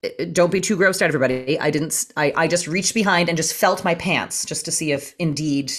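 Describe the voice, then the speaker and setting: A woman casually telling a funny story in a chat, animated and acting out quoted lines. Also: fairly quick. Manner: animated, acts out quotes in a high voice.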